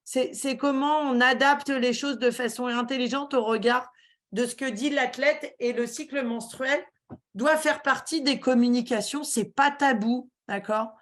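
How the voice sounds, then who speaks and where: Woman, slightly high voice, webinar talk, lots of fillers and restarts, video call. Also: fairly even intonation, unhurried. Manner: hesitant, many fillers and restarts. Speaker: guest speaker.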